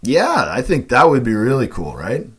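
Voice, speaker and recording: A man's voice: mid-range voice, wildly swooping pitch, moderate pace, over a noisy crowd. Enthusiastic male fan host. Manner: enthusiastic, loose with fillers. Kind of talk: casual chat.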